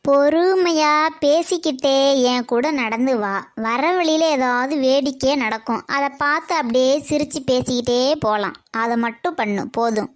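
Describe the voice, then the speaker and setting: Woman doing a teasing sharp-tongued cartoon woman. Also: sits high, normal speed, hardly any pauses, close to an everyday voice. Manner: mocking, lively. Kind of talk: cartoon comedy acting.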